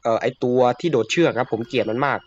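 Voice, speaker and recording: A man giving casual, excitable commentary while he plays a video game, with frequent yelps. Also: medium pitch, very fast, muffled recording, soft background music. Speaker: gamer.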